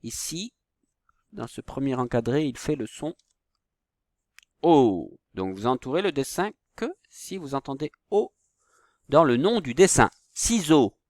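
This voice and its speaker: A man's voice: mid-range voice, lively intonation, no room sound, clean studio sound. A man teaching a phonics lesson to young children, patient and stretching out each word. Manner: slow, patient, stretches words out.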